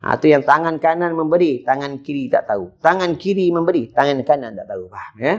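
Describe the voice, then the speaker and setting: A male preacher with a Malaysian Malay accent gives a lively, humorous religious lecture in a mosque hall. He keeps checking in with his listeners as he talks. His voice is high, and the lo-fi recording sounds dull. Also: brisk. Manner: chatty, tags lines with questions to the crowd.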